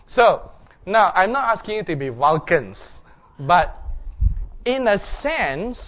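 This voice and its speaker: A man's voice: fairly high pitch, dull audio. A man preaching a sermon and guided prayer, instructing the congregation in repeated, simple phrases.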